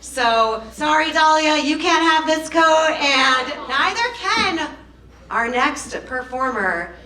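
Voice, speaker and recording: A woman's voice: sits high, animated, takes it slowly, pushed and bright. A woman hosting a live burlesque show, chatting with the crowd in playful, teasing stage banter. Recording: echoey live venue, distant microphone.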